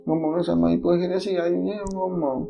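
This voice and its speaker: A man's voice: sits high, fairly quick, creaky, dull audio, over music. A man hosting a podcast, casually telling a horror story and acting out the people in it. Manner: lively, acts out quoted voices. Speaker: podcast host.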